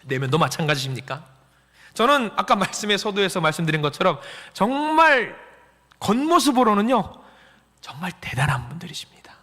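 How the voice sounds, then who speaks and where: A bright, high-pitched man preaching a lively Sunday sermon, his voice leaping up and down as he swings from shouted lines to near-whispers. He acts out the sighs and voices of the people he quotes. His voice rings with long reverb in a church hall. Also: moderate pace. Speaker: pastor. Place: church sanctuary.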